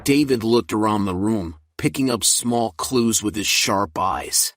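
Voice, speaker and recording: A man reading a simple story aloud in a clear, even way for English learners. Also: lowish voice, unhurried, no room sound. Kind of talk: slow storybook narration for learners.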